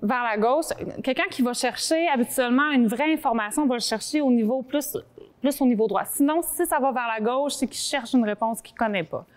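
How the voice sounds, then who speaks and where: A woman with a Québécois French accent and a fairly high voice. She presents a talk show segment as a conversational explainer. Her delivery is animated and informal, wandering as she interrupts herself. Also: fairly quick.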